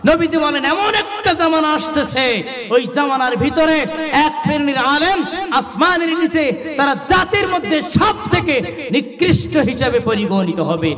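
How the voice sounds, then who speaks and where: A man's voice: very high-pitched, animated, moderate pace. A man with a Rangpur Bengali accent preaching a sermon at an outdoor religious gathering, chanting and calling out to the crowd. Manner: chanting preaching with sung cadences, calls to the crowd. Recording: echoey public address sound, long reverb.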